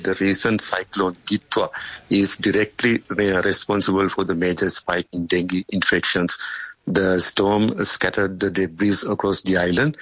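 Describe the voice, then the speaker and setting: A male news correspondent giving a measured report, pausing often with fillers. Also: low-pitched, fairly bright tone, low-quality recording. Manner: measured, hesitant with many fillers.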